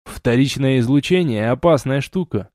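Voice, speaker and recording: A man's voice: mid-range voice, animated, moderate pace, a little mellow, dry recording, studio quality, lightly acted. A man reading the part of a strict male military instructor correcting a cadet in curt, commanding lines. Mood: stern.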